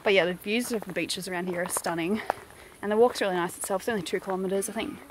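On forest and coastal walks and in the car, a young Australian vlogger holds her phone at arm's length and chats fast in a steady, mid-range voice. Casual and chatty, she laughs often and peppers her speech with "like," with background noise audible.

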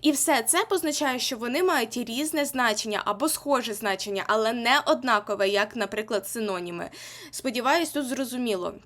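A woman's voice: fairly high pitch, fairly quick, a bit bright. A young woman with a Ukrainian accent teaching an exam-prep language lesson online, explaining patiently and repeating key points.

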